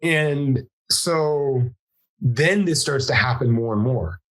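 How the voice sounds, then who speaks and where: A man's voice: medium pitch, slow pace, low-quality recording. A man from Southwest Washington, a podcast guest, telling a personal story in casual conversation, acting out what people said. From Southwest Washington, USA. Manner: animated storyteller acting out quoted dialogue, frequent restarts.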